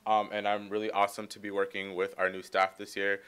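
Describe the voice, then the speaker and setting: A young man presenting at a podium, halting and filling pauses with many ums. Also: on the low side, completely flat delivery, a bit bright, clean tone. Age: young adult. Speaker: undergraduate program coordinator. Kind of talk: panel presentation. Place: conference room. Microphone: podium microphone.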